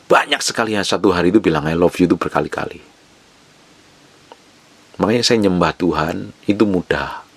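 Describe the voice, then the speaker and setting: Gravelly low-voiced male preacher. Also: fairly quick, long pauses, dry recording. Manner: conversational preaching, drops to a soft whisper when quoting prayers. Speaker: pastor. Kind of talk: sermon.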